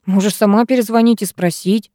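A woman's voice: medium pitch, fairly even intonation, fairly quick, dark tone, no echo, clean studio sound, lightly acted. A woman voicing a bewildered teenage schoolboy who defends himself, puzzled and defensive.

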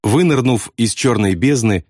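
A man reading a novel aloud with dramatic, expressive narration. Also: mid-range voice, unhurried, no room sound, clean studio sound. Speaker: audiobook narrator. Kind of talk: scripted narration.

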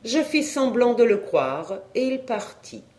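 A reader giving a literary story in expressive, varied audiobook narration. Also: medium pitch, measured pace.

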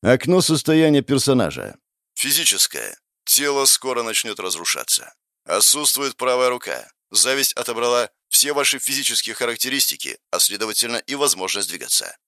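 A man giving expressive first-person narration of a dramatic audiobook, recorded on a dry close mic with faint music. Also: mid-range voice, moderate pace, no room sound.

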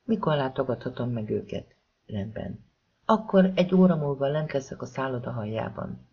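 An audiobook narrator voicing a gentle, weary young woman who speaks softly and tenderly. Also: mid-range voice, animated, husky. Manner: soft, motherly, tender. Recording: slightly dull lo-fi recording.

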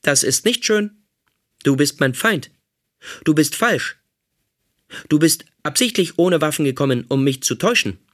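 A man's voice: fairly high pitch, expressive, unhurried, long pauses, fairly bright tone, pitched above the performer's own voice. A man voicing a hostile male robot soldier who speaks in a stiff, accusing, menacing way.

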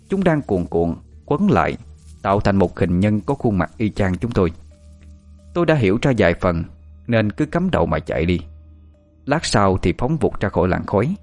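Brief: low male storyteller, dry close sound, soft music bed. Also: no room sound. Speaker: narrator. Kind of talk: first-person horror story narration.

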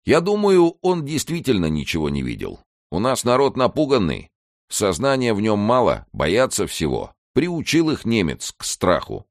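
A man's voice: on the low side, huge pitch swings, moderate pace, dry recording, studio quality, voice pushed up. A man voicing a crippled, bitter older village council chairman who talks earnestly and sorrowfully.

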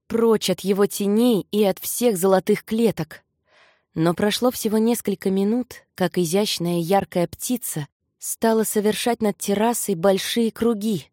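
A woman narrating an audiobook in a measured, even pace. Her voice is mellow and soft-edged, recorded close and dry with no room sound. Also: medium pitch, no echo. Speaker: audiobook reader. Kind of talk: scripted narration.

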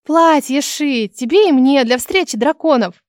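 A woman voicing Elsa, a bright teasing noblewoman. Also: high voice, unhurried, dry recording, clean studio sound, voice pushed up. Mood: theatrical. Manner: bright, insistent, theatrical. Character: cheerful teasing young noblewoman friend. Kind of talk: audiobook character voice.

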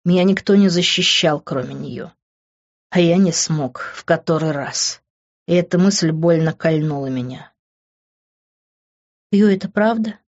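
Female audiobook narrator, calm and steady, low voice. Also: moderate pace, highs cut off. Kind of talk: first-person audiobook narration.

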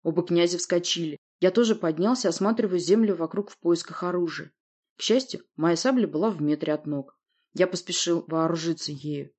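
Husky low-voiced woman narrating. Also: brisk, darkish tone. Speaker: audiobook narrator. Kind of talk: scripted first-person narration.

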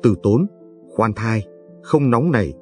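A man narrating a literary novel in a steady, descriptive storytelling manner. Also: fairly low pitch, takes it slowly. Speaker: audiobook narrator. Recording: dry studio read, faint music.

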